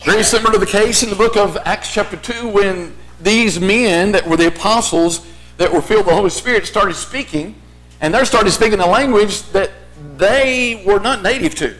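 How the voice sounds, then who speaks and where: High-pitched man preaching. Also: normal speed, a bit bright, poor audio. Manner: explanatory, rhetorical questions in imagined listeners' voices. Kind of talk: sermon, teaching Bible basics point by point.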